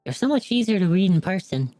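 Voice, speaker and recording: A man voicing a playful, teasing young woman in a high falsetto while reading game dialogue aloud. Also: big pitch swings, fast talker, warm tone, no room sound, soft background music.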